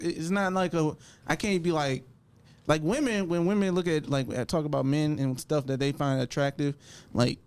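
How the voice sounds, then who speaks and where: A man's voice: fairly high pitch, darkish tone, smooth. A man co-hosting a podcast, earnestly explaining his view in casual chat, repeating himself. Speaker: podcast co-host.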